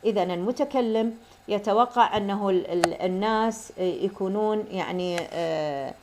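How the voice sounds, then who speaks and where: Woman, English teacher, slow careful English examples, fast explanations. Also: medium pitch, noisy background. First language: Arabic. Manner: switches between slow, deliberate English examples and rapid Arabic explanation. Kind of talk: bilingual grammar lesson.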